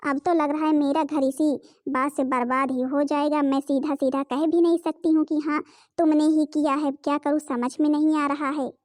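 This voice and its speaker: A woman's voice: sits high, flat delivery, moderate pace, darkish tone, no echo, clean studio sound, close to an everyday voice. A woman voicing a middle-aged mother-in-law in a cartoon, soothing and reasoning. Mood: concerned.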